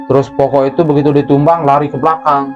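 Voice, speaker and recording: A man with a fairly high voice and a fairly quick delivery animatedly tells a true horror story as a guest, voicing the screams and crashes himself in a casual manner. Music sits under the muffled audio.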